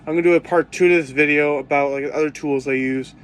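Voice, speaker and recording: A man with a sore throat talking low in a casual cosplay tool tutorial vlog, rambling and hunting for words with many fillers. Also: steady tone, fast talker, fairly bright tone, smooth. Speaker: cosplay vlogger.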